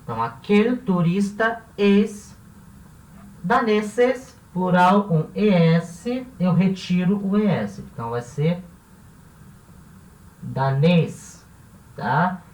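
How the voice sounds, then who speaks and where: Slow, patient woman teaching. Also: fairly low pitch, expressive, a little mellow. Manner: patient step-by-step explaining, often checking with "tá?". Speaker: language teacher. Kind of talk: classroom-style video lesson. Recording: roomy echo, voice from a distance off the mic.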